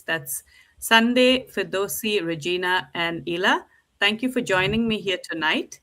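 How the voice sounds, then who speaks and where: An Indian woman with a bright, forceful mid-range voice hosts a live-streamed online panel over video call. She's upbeat and eager as she introduces her guests, calling things lovely again and again.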